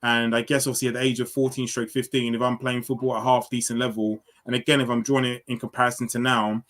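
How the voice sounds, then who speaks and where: A man's voice: mid-range voice, level tone, fast, fairly bright tone. A man in his thirties from London, answering interview questions in a reflective, casual way with many fillers and restarts. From London, England. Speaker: football guest.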